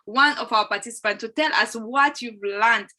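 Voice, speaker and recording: Fairly high in pitch and forceful, with a bright tone, this young Ugandan host talks at a normal speed. She runs a live video call in a friendly, chatty manner full of fillers, heard through the laptop or phone mic.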